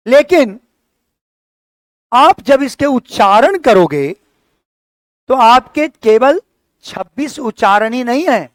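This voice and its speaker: A man's voice: very high-pitched, no room sound. A male teacher giving a classroom lecture, explaining things step by step and asking his students questions as he goes.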